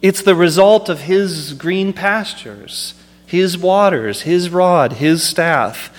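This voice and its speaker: A man's voice: sits high, slow pace, big-room sound. A man preaching a sermon as pastor, with impassioned delivery that builds to emphatic peaks.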